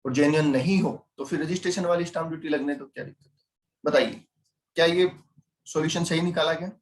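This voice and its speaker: A man's voice: on the high side, steady tone, fast talker. Indian man teaching a class, echoey. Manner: explains with everyday role-play examples, asks students questions. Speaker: CMA teacher. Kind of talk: online class lecture.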